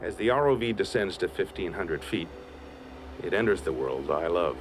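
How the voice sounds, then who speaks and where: A man's voice: low voice, animated, normal speed, noisy background. A man with an American accent, an oceanographer narrating a nature documentary from a script. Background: music.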